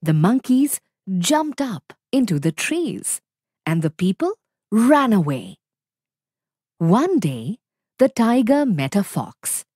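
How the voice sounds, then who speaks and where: A woman reading a fable aloud for learners, slow, lively and clearly paced. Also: medium pitch, no room sound, studio quality. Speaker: storyteller.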